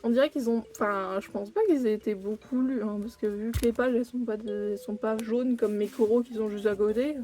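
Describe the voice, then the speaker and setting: A woman's voice: fairly high pitch, fairly even intonation, brisk, hardly any pauses, warm tone. A young woman chatting casually at home while unboxing manga, rambling and breaking off her own sentences. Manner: chatty, rambling, self-interrupting with many "hein". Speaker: manga collector vlogger. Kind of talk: casual unboxing chat to camera. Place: home room near her desk.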